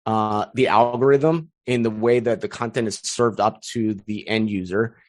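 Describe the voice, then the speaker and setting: A man's voice: on the low side, normal speed, dry recording. Man telling stories in a dry, close sound. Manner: storytelling, energetic, frequent restarts. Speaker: podcast guest, content strategist. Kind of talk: casual interview chat.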